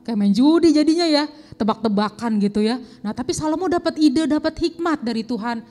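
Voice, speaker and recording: Lively young woman telling children a Bible story. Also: high voice, a little fast. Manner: animated, acts out characters' lines with gasps and exclamations. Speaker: Sunday school teacher.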